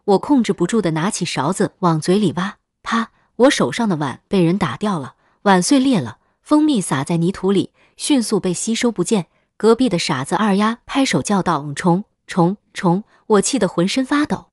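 A woman narrates a creepy first-person tale in a steady, matter-of-fact scripted read. Her pitch sits in a middle range. The recording is dry and close, with no room echo. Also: brisk, hardly any pauses. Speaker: story narrator.

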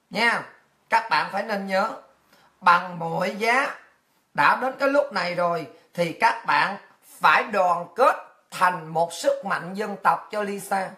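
A woman ranting in a livestream monologue, fiery and crude, swinging between shouting and slow solemn warnings. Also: medium pitch. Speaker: online political commentator.

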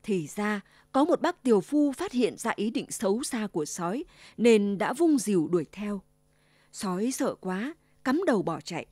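A woman reads a fairy tale aloud in scripted storybook narration, expressive and ready to act out each character. Her voice sits at a middle pitch, close and dry with no room sound. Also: moderate pace, no room sound. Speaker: storyteller for a provincial broadcaster.

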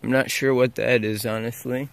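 A man's voice: medium pitch, steady tone, moderate pace, creaky. A young man casually narrating while walking through a forest, filming on a handheld camera, rambling and correcting himself as he goes. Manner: rambling, unsure, self-correcting. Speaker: explorer filming abandoned sites. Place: outdoors in a forest. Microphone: handheld camera mic.

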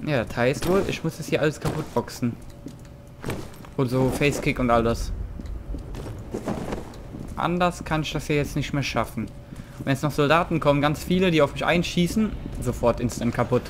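A man's voice: medium pitch, moderate pace, long pauses, background noise. A man giving casual, slangy gameplay commentary, reacting aloud and repeating short phrases. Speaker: gamer, Let's Play host. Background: game music and sound effects.

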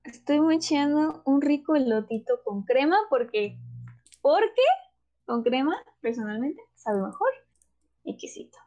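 A young woman with a northern Mexican Spanish accent co-hosts a casual livestream chat as a podcast co-host, sounding slangy, laid-back, and candid. Her voice is high-pitched, animated, and mellow, and she speaks unhurriedly. The sound is lo-fi.

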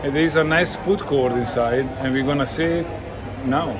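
A travel vlogger in his forties, voice on the high side and at normal speed, holds his phone camera at arm's length while touring an indoor mall and restaurant. He thinks aloud casually in non-native English phrasing, with loud crowd chatter and mall noise all around.

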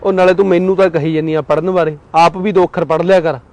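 An irritable young student, played by a man, snaps at his girlfriend. His voice runs high and fast. He sounds argumentative throughout. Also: steady tone, a little mellow, dry recording, natural voice. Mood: irritated. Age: young adult.

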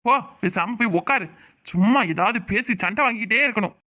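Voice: mid-range voice, fairly quick, sharp tone, natural voice. A performer with a Tirunelveli Tamil accent voicing an irritable young husband who grumbles and scolds his wife in a cartoon. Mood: scolding. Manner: nagging, complaining rants. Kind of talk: cartoon voice acting.

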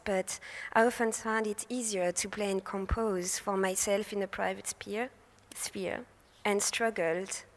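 Her voice is soft, airy, and medium-pitched, with a French accent: she is a young woman from France delivering a prepared research talk at a festival. She hesitates, uses fillers, and corrects herself now and then, speaking into a handheld lectern mic in a large hall with long reverb.

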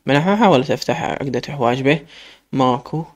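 A man with an Iraqi accent reading a romance story aloud as a storyteller, in rapid running narration. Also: medium pitch, no echo.

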